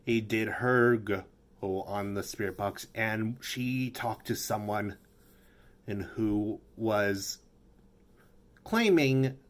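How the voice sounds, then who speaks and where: A man casually explaining something to viewers as a vlogger, slowly and haltingly, searching for his words. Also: on the low side. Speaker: vlogger introducing a paranormal video.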